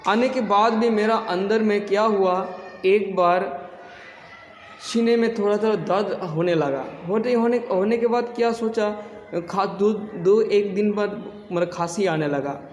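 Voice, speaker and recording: A man teaching yoga in a casual, halting way, with many restarts and some throat clearing. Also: high-pitched, echoey room, in a large hall, slight background noise. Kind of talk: casual spoken instruction.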